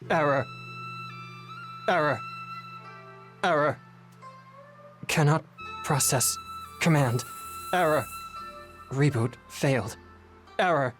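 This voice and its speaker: A glitching old robot. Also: male voice, on the high side. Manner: formal, measured and stiff. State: glitching and stuttering through system errors. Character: aging male automaton, calm, formal and gentle. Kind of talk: game dialogue. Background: game music.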